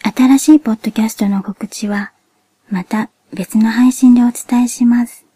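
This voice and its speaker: A woman podcast host speaking a soft, whispered monologue in a cute, childlike anime-like voice, gently and politely. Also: fairly high pitch, steady tone, husky, no room sound. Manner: gentle, polite, measured delivery.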